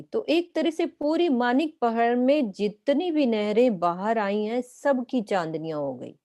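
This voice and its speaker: Mellow-voiced woman teaching patiently. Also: mid-range voice, no room sound. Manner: patient, step-by-step, points out details on a map. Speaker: spiritual teacher. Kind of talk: explanatory lesson.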